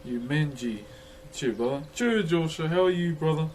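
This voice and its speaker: A man with a broad Kiwi accent talks casually to his livestream viewers. His voice sits a little high, and his manner is laid-back and chummy, full of matey slang. There is clear noise behind him. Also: moderate pace, darkish tone, poor audio. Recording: noticeable background noise.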